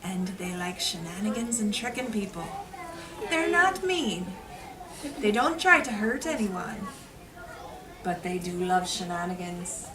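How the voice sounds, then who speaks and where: Very animated and a little slow, a medium-pitched woman reads aloud to young elementary students, with crowd noise around her. She sticks to simple, repeated phrases and dramatic emphasis; the mic is distant and the room noisy.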